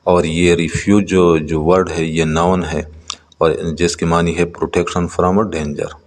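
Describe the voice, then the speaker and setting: A man teaching a textbook lesson, reading English lines slowly and then explaining them, with frequent hesitant pauses. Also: sits low, little pitch movement, in a large hall.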